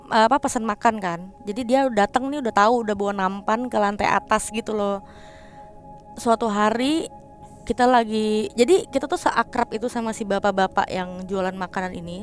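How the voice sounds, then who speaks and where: A young woman talking as a guest in a casual chat, telling her story in a lively way and acting out the people she quotes in changed voices, mixing slang with English words. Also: medium pitch. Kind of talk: casual storytelling of a ghost experience.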